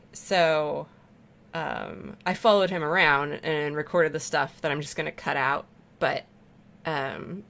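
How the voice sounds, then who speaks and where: A woman's voice: deep voice, a bit bright. A woman streamer chatting casually while playing a game, rambling, swearing freely and laughing often. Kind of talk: casual chat while gaming.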